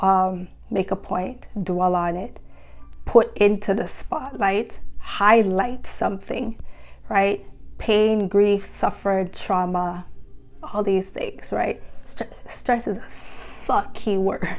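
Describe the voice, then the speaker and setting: Slow-talking woman teaching vocabulary. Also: medium pitch. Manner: slow, repetitive, laughs between words. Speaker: online teacher. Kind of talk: casual vocabulary lesson.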